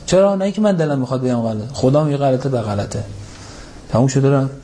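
A man's voice: medium pitch, dark tone, slight background noise. A man giving a Quran commentary sermon, asking rhetorical questions and reciting Arabic verses, stressing key points with an emphatic rise. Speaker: religious lecturer.

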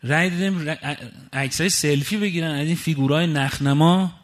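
A man from Khuzestan in Iran preaching a fiery, indignant sermon full of rhetorical questions. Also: a little high. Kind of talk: impassioned sermon.

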